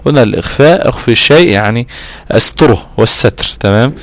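A man with an Egyptian accent teaching a recitation lesson, repeating key terms and slowing down to draw out his recited examples. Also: medium pitch, animated, dry recording. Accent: Egyptian Arabic. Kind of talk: explanatory lesson.

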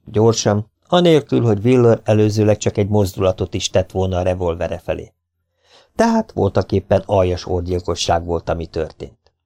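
A man reading a novel aloud as an audiobook narrator, lifting his voice for the characters' lines. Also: mellow. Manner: shifts pitch for characters' quoted lines. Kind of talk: storybook narration with voiced dialogue.

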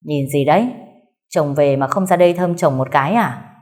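A woman's voice: low-pitched, normal speed, darkish tone, natural voice. Woman voicing a coaxing young husband. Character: handsome philandering young husband, coaxing yet stern.

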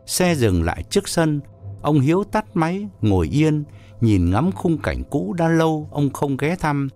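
A man reading a story aloud as narrator, in an expressive storytelling manner. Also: a little high, measured pace. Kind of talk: scripted narration.

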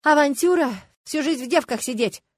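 Lady doing a loud bossy girlfriend, high and pushy, excitable, dry close sound. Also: fairly quick, no room sound. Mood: excited, scolding. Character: brash bossy adventurous young woman friend.

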